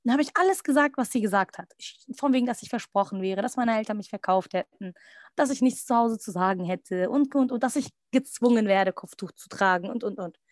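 Young woman, podcast guest, slightly high voice, dry close sound, chatty storytelling with quoted asides. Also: a little fast, dry recording. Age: young adult. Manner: lively, quotes others in little acted asides. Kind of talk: casual storytelling.

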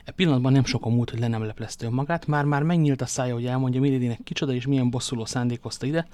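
A man narrating a classic novel as an audiobook in a measured, dramatic storytelling manner. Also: medium pitch, steady tone, darkish tone, no echo.

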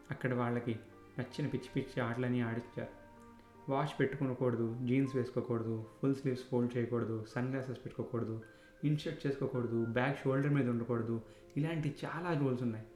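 A man's voice: mid-range voice, mellow. A man in his thirties narrating a personal story in a reflective, conversational way. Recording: roomy echo with faint music.

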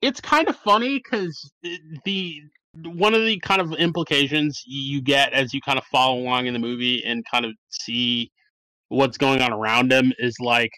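Chatty man with a bright, dry voice. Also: medium pitch, fairly even intonation, moderate pace, dry recording, rough recording. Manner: rambling, many fillers and restarts. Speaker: podcast host. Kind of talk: casual movie review chat.

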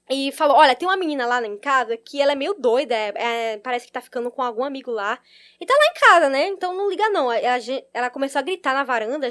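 A woman tells a wild personal story in a casual chat. Her voice sits high and she talks quickly. She acts out the lines of the people she describes. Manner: animated, acts out quoted lines.

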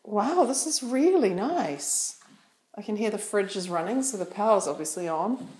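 A woman's voice: mid-range voice, animated, moderate pace, darkish tone. A woman with a New Zealand accent giving casual spoken commentary as she explores, often exclaiming in wonder. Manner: marvelling, exclamatory.

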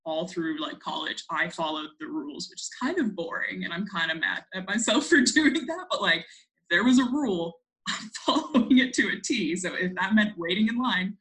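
Giggly young woman, bright voice. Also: fairly low pitch, expressive, moderate pace, poor audio. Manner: giggly, self-deprecating. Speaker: guest. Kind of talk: casual storytelling chat.

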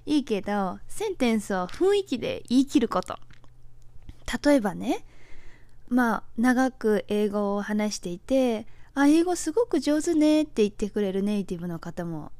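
A woman's voice: mid-range voice, animated, moderate pace, darkish tone, no room sound. A woman in her forties, from Japan, hosting a casual solo audio talk and explaining things in a chatty, friendly way with filler words. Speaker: podcast host.

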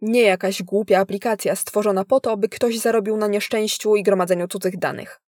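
A woman narrating a thriller story in a steady, measured reading voice. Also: mid-range voice, no room sound, clean studio sound. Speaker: audiobook narrator.

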